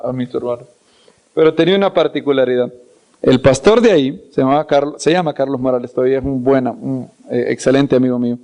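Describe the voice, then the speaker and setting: A man preaching in a storytelling way, acting out the scenes he tells and repeating words for emphasis. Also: medium pitch. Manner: animated, acts out scenes and voices. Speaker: preacher and Bible teacher. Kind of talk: storytelling sermon.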